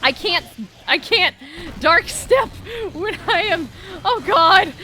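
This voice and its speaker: Bright, lively young-sounding woman gamer. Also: very high-pitched, slow, soft background music. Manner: excitable, shifts between frantic yelling and deadpan mumbling. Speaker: streamer. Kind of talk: speedrun gameplay stream chat.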